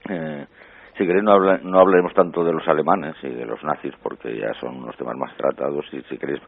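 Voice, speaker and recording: A man explaining his research as a radio guest over the phone, in a measured, explanatory way. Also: extremely low pitch, fairly even intonation, vocal fry, slightly rough, no echo, phone-quality sound.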